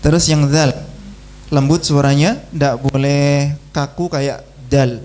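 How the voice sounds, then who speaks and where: A man teaching Quran recitation in a mosque class, drilling syllables slowly and reciting aloud. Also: on the high side, little pitch movement, darkish tone. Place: mosque by a busy road. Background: faint traffic hum.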